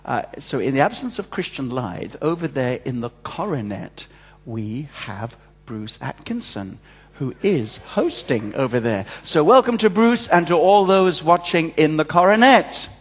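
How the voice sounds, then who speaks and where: A man's voice: on the high side, sing-song, unhurried, slightly rough. A man leading church notices at a pulpit microphone, joking and chatty as he talks to his congregation. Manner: jovial, self-mocking, chatty. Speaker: church service leader giving announcements. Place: large church hall. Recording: long church hall reverb.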